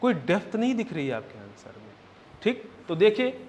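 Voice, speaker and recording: A man's voice: high-pitched, very animated, moderate pace, darkish tone, slight background noise. A male coaching teacher, giving a classroom lecture, laying out points one by one and asking "right?" often. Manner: checks in often with "right?" and "okay?"; explains step by step, counting points aloud.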